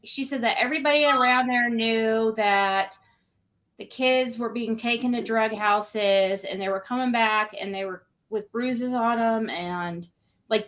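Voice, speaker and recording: A woman's voice: fairly high pitch, fairly bright tone. A woman hosting a casual livestream panel, asking questions in an informal, rambling way. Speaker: panel host. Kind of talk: casual true crime livestream chat.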